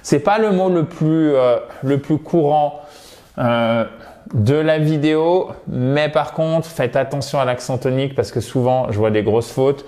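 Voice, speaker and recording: A French-speaking man giving a video English lesson, repeating words slowly and checking with "ok?" often. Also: medium pitch, warm tone. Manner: repeats words slowly to drill them, frequent "ok?". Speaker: English teacher. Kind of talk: video lesson, explaining and modelling pronunciation.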